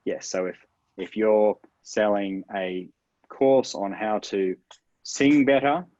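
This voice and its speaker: Male guest expert, low-ish voice, upbeat explainer, dry dull recording. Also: slow pace, mellow, dry recording. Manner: upbeat, explanatory, stresses key words. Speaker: internet marketing guest expert. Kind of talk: interview advice, explaining step by step.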